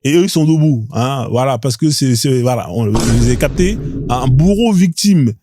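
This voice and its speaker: A man's voice: mid-range voice, lively intonation, moderate pace, over music. A man hosting a live stream in casual commentary, talking bluntly and crudely, often tossing out a rhetorical "hein?".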